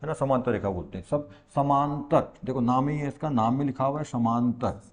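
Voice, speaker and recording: A male maths teacher from India explains at a board, patient and repetitive. He keeps asking the class rhetorical questions and answers them himself. His voice sits at an ordinary middle pitch. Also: fast, a little mellow. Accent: Hindi-speaking India.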